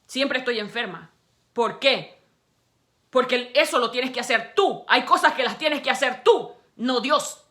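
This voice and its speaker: Bright-voiced woman preaching a forceful sermon. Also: lively intonation, a little slow. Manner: emphatic, exhorting the listener directly; swings between soft, low stretches and loud, raised passages.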